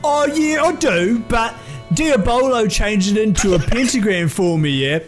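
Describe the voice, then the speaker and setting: A man's voice: sits high, lively intonation, measured pace. A man voicing a melodramatic young male vampire wizard, overwrought and whiny, with music behind him.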